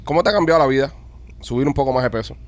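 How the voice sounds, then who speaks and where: A man talks quickly in a relaxed group chat. He jokes and teases the people around him. He sits at a middle pitch. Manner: joking, fast-talking, teasing. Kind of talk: casual chat.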